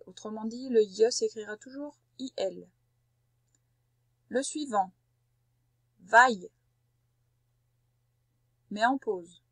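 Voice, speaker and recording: Teacher woman dictating syllables slowly. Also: fairly high pitch, no echo. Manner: slow, carefully articulated syllables with gentle instructions. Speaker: primary school teacher. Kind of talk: recorded spelling dictation lesson for a young child.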